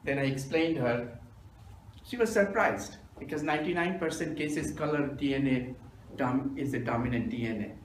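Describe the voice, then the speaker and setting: A man, telling self-mocking jokes in a deadpan storytelling manner as a humorous club speaker. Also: mid-range voice, moderate pace, slight background noise. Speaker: stand-up speaker. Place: meeting room with audience. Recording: echoey room from a distance.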